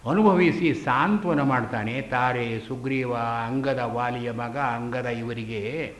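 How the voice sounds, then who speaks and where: A man lecturing on an old epic, chanting Sanskrit verses and then explaining them in a slow, deliberate way. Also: medium pitch, roomy sound.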